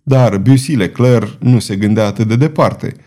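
Un bărbat care citește expresiv și dramatic o carte audio, ca narator. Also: male voice, lowish voice, warm tone. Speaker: narrator. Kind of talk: audiobook narration.

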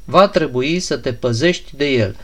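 A man's voice: mid-range voice, natural voice. A man voicing a grave, stern young woman who gives curt instructions in a storybook reading. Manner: curt, serious.

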